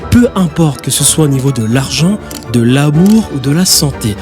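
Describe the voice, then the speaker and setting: A man, a business consultant, giving a direct and urgent motivational talk on doing business online. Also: fairly high pitch.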